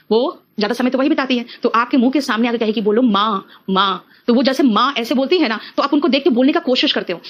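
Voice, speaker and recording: High-voiced Indian woman teaching English. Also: fairly bright tone, highs cut off. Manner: explains briskly, addressing students as beta. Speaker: English teacher for competitive exams. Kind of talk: online exam-prep lecture.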